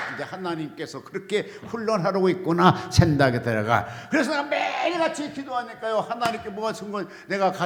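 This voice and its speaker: An older male pastor with a very high, lively voice preaches an animated storytelling sermon. He swings between shouted lines and low, quiet asides. A long church reverb rings behind every word. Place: church sanctuary.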